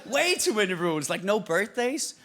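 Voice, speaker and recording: A man in his thirties from Denmark doing a stand-up set, speaking English with an Irish-sounding accent, animated and quick to break into silly voices. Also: sits high, heavy background noise. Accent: Danish speaker with an Irish-sounding English accent. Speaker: stand-up comedian. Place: TV studio stage with live audience. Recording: loud audience laughter behind.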